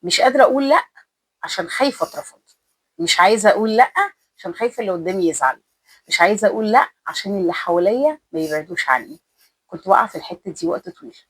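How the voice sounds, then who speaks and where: A woman's voice: lowish voice, slightly rough. A woman in her thirties with an Egyptian accent, earnestly giving advice to women viewers in a casual vlog. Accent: Egyptian Arabic. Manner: earnest, repetitive, speaks straight to the listener. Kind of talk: casual motivational talk to the viewer.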